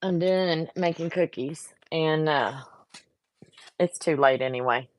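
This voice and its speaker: Speaking slowly in a low-pitched voice, a craft vlogger chats casually with her audience while working on a project, becoming frustrated and talking to herself.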